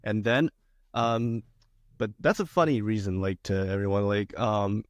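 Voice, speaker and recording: Young man from China, halting and earnest. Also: on the low side, expressive, dry recording, clean studio sound. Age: young adult. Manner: halting, many fillers and restarts, earnest. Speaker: guest, theater student. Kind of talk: casual podcast interview.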